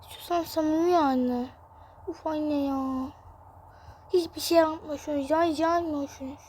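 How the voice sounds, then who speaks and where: A woman's voice: high voice, steady tone, measured pace, a little mellow, a little hiss or hum. A woman voicing a sleepy, grumpy little daughter in a game role-play, whining and sighing. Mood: whiny.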